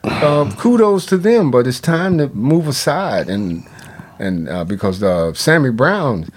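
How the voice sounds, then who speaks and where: This radio talk show guest is a man with a husky, medium-pitched voice. He rambles in a halting way, restarting often and using fillers, with occasional sudden animated bursts.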